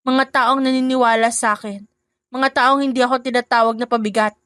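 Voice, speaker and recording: A young stepdaughter in a narrated audio drama, steady and respectful yet firm, as a woman voices her. The tone sits slightly high and sounds close to the mic with a dry finish. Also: fairly quick, dry recording, natural voice. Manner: calm, polite and firm. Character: young stepdaughter, calm, polite, newly brave.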